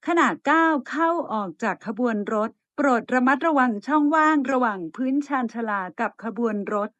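A woman's voice: high-pitched, animated, fairly bright tone, dry recording, lo-fi sound. A woman voicing recorded train announcements in a polite, formal, evenly paced way. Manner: polite, measured, evenly spaced phrasing. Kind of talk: formal bilingual transit announcement.

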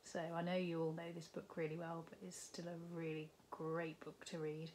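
The woman's voice sits low as she, a primary school teacher, gives a slow, expressive storytime reading of a picture book for kids, rising with energy on key words. She's at home in her living room, and slight background noise is present.

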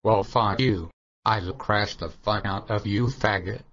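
A man's voice: on the low side, a little slow, fairly bright tone, lo-fi sound. A man voicing a cursing, cranky old grandpa. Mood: hostile. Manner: foul-mouthed, hostile.

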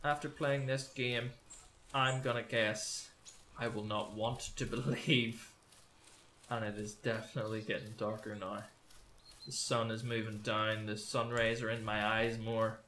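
A young Scottish man commentates on a game in a bright, forceful voice. He swears freely and sounds jumpy and nervous. The room adds some echo, with faint noise behind him. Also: on the low side, little pitch movement, unhurried. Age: young adult. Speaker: gamer host. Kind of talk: gameplay commentary.

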